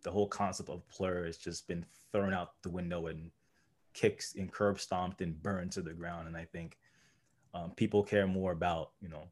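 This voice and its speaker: A man's voice: sits low, level tone, moderate pace, a little mellow. A young man, a guest, telling a story casually and filling his talk with "like" and "you know". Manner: rambling, heavy use of "like" and "you know".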